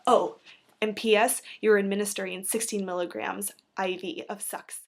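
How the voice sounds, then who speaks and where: A woman playing an earnest young nurse who explains a drug in a brisk, textbook-like way, as in an instructional skit. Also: mid-range voice, steady tone, vocal fry, lightly acted. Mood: brisk, instructive. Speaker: nurse in a student case-study skit.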